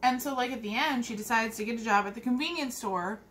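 A young woman with a fairly high voice talks through a book in a loose, rambling way. She is informal and happy to swear. The recording carries some room noise. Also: fast, a bit bright. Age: young adult. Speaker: book review co-host. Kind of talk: casual tipsy book chat. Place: room with bookshelves, indoors.

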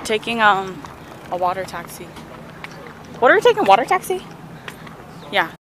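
A woman's voice: mid-range voice, very animated, normal speed. A young woman filming a casual travel vlog on her phone, chatty and gushing over every view as she walks through busy city spots and rides a boat. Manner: chatty, gushing, easily impressed. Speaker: vlogger. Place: outdoors in a busy city, on a boat and in crowded public spaces. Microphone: handheld phone camera. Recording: noisy phone video in crowds. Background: crowd chatter and loud street and water noise.

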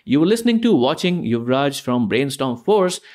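In a screen-recorded software tutorial, a young man whose first language is Hindi walks viewers through the steps, explaining casually as he goes. His voice is of ordinary pitch but swings widely, and he often pauses on fillers and restarts his sentences.

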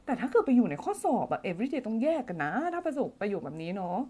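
A woman's voice: medium pitch, big pitch swings, quick pace, mellow. A woman teaching English grammar on a live stream, reading out viewer comments, chatty and playful, laughing often and humming as she thinks aloud. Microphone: phone or desk mic for a live stream.

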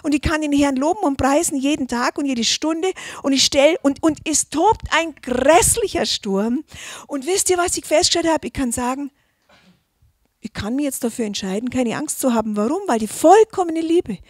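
A woman giving a fervent testimony at a church service, swinging between hushed tones and loud exclamations. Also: high-pitched, animated, normal speed, dry recording, studio quality.

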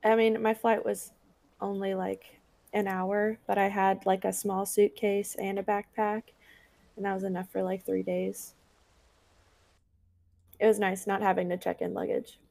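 A woman with a gravelly, creaky voice at a middling pitch talks in a casual chat with friends. Her delivery is matter-of-fact and dry, and her voice sits close and dry on the mic. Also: flat delivery, measured pace, pauses often, a little mellow, dry recording. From United States.

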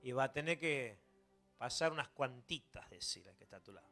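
A man with a Rioplatense accent preaching a sermon to a church congregation, moving between quiet asides and shouted exhortation, joking and coaxing the listeners. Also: medium pitch, animated, brisk, soft background music. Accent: Rioplatense Spanish. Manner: jokes and coaxes the congregation. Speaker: pastor.

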